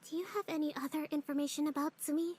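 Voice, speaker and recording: Kokomi, a gentle high-voiced young leader voiced by a woman. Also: steady tone, racing, slight background noise, lightly acted. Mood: calm. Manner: gentle, composed, thoughtful. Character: calm young female island leader and strategist. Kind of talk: game cutscene voice acting. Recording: game audio with loud music.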